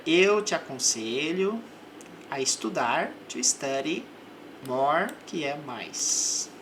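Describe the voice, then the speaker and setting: An English teacher with a low voice gives a slow, methodical vocabulary lesson, patiently repeating each word and its example. Background noise can be heard.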